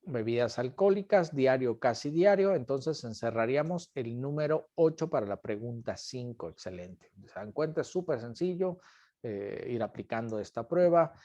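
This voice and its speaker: Patient man leading an online class, mellow dry voice, repeats himself. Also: medium pitch, lively intonation, normal speed, no echo, highs cut off. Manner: patient, repeats questions and calls on students by name. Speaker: instructor.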